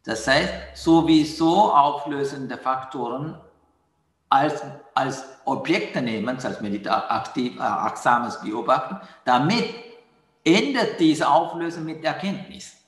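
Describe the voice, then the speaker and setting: A man giving a calm dharma talk on mindfulness as a meditation teacher, patiently repeating his key phrases. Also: on the high side, slow. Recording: roomy hall with long reverb.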